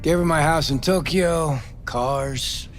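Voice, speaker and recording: A man playing a jaded, foul-mouthed aging rock musician in a video game, gruff and theatrical. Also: fairly high pitch, takes it slowly, soft background music. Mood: wistful, scornful.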